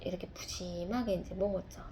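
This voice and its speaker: A woman's voice: fairly low pitch, fairly even intonation, fairly quick, noisy background. A woman, a mother, telling a reflective personal story in a confessional, rambling way, full of fillers and restarts. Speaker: mother sharing a testimony.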